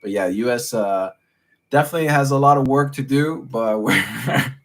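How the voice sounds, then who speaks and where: A man's voice: medium pitch, moderate pace, fairly bright tone. A man in his thirties, from New York City, co-hosting a casual podcast chat in a loose, rambling way with lots of fillers. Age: 30s. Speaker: podcast co-host.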